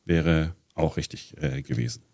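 A man's voice: rumbling low, fairly even intonation, normal speed, creaky, a little mellow, no echo, clean studio sound. A man presenting on a talk show in casual chat, explaining at length with many hesitations and restarts. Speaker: radio presenter.

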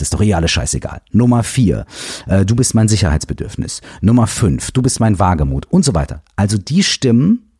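A man hosting a self-help podcast in casual, animated talk, emphatic and now and then swearing, close to the mic. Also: sits low, breathy edge, no room sound. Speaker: podcast host.

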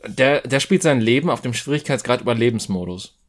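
A man's voice: mid-range voice, expressive, brisk. A man in casual chat who mostly listens and answers with short reactions and dry jokes.

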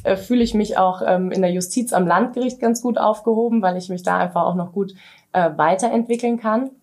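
A woman's voice: medium pitch, brisk, darkish tone. Woman, 30s, mayoral candidate being interviewed; hesitant, filler-heavy delivery. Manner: hesitant, many fillers and restarts. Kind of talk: interview answers.

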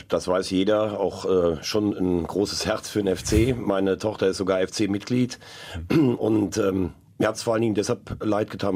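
A man chatting as a guest football expert, halting and reflective. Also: deep voice, a little mellow. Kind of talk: casual studio chat.

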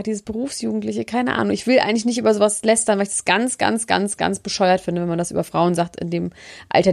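A woman chats casually as a gossip podcast co-host. Her voice is middling in pitch with plenty of vocal fry, recorded close and dry. She talks colloquially, rephrasing as she goes. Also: a little mellow, no room sound. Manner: chatty, colloquial, self-correcting. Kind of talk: casual chat about celebrity gossip.

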